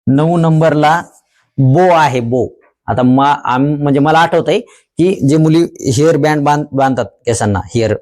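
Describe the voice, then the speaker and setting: Man, teacher, lively, repeats key words, mid-pitched. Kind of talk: explaining a memory technique to students.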